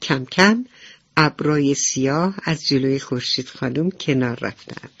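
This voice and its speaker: A woman's voice: rumbling low, dry recording. Tender woman telling a bedtime story. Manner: warm, tender address to children, sing-song. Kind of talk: radio bedtime story narration. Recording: dull radio broadcast with soft music.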